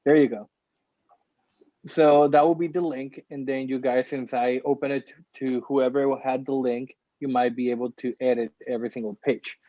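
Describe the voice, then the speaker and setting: Male workshop presenter on a video call; dull computer-mic sound, halting explainer with many fillers. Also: mid-range voice, fairly even intonation, no echo. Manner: explains step by step with frequent ums. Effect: heard over a video call. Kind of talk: screen-share tutorial walkthrough.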